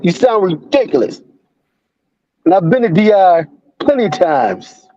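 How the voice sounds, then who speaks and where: High-voiced man in his fifties, blunt. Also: sing-song, measured pace, mellow, lo-fi sound. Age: 50s. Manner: blunt, dismissive. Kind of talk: casual blunt live chat.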